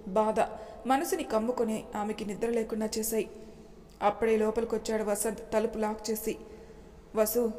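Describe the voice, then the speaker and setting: A woman reading a family story aloud in smooth, measured narration. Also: a little high, mellow. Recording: long hall reverb.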